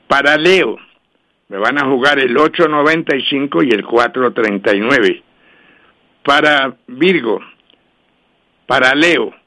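On a radio call-in show, a male host and numerologist rattles off lottery numbers for each star sign in a brisk, repetitive patter. He then slows right down so listeners can write every number down. His voice is mid-pitched for a man, pushed and bright.

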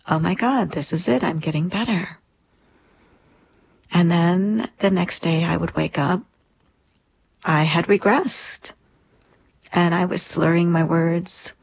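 A woman in her thirties, speaking in a lowish, creaky voice with a breathy edge, shares a personal story as an interview guest. She comes across as earnest and reflective, and the recording is lo-fi and dull.

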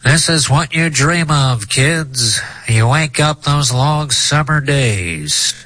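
A man putting on an old-time radio play-by-play announcer voice, calling a baseball game in a theatrical, drawn-out way. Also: medium pitch, expressive, bright, forceful tone, no echo, voice pushed up, heavily acted, poor audio. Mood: dramatic. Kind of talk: mock play-by-play commentary.

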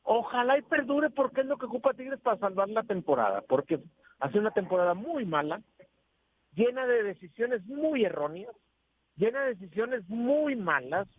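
A man's voice: high voice, very animated, normal speed, husky. A man calls a sports radio show over a phone line, earnestly giving his football opinion and repeating words as he searches for them. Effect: heard over a phone line. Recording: tinny phone line with faint hiss.

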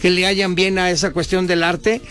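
A man with a Mexican accent hosting a casual radio interview, chatty and relaxed. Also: high voice, normal speed, soft background music. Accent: Mexican Spanish. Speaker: radio host.

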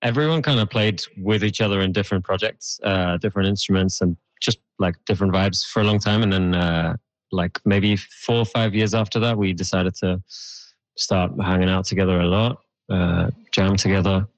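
A young man from Switzerland talking about his band in a relaxed, halting way. His voice is very low and dry, close to the mic. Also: no room sound, low-quality recording. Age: young adult. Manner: relaxed, hesitant, with fillers. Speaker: band member. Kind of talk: casual interview answers.

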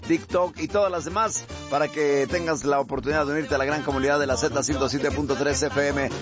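Male co-host, high voice, playful, music under a dull broadcast. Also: steady tone, brisk. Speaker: radio host. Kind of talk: lively radio show chat.

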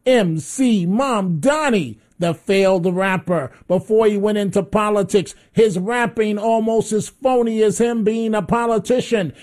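A man with a notably high voice hosts a call-in radio show, sneering and combative as he mocks his targets. His delivery is sarcastic and opinionated throughout. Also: measured pace, few pauses, darkish tone. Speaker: radio talk show host.

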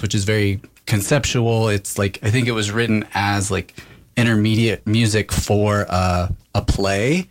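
Young male musician from New Mexico, low voice, relaxed radio interview answers. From rural New Mexico. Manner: thoughtful, searching with fillers like "like". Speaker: quartet musician guest.

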